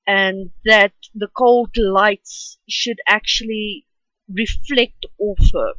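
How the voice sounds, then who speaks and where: Narrating a speed drawing at home, an Afrikaans-accented woman, Afrikaans being her first language, chats and wanders with many ums in a casual voice-over. Her mid-range voice is a bit bright, and the recording is muffled with no room sound.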